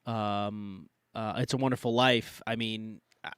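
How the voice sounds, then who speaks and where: This co-host of a live podcast has a lowish, slightly bright voice that's clear and resonant, with a steady tone and a slightly slow pace. Congested and nasal from a cold, he rambles through a casual debate, full of fillers and restarts, in studio-quality audio without echo.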